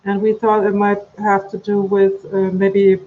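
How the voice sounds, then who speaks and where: A woman whose first language is German, co-hosting a casual stream chat, talkative and quick to correct herself. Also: medium pitch, monotone. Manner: chatty, apologetic, self-correcting. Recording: slightly dull video call audio.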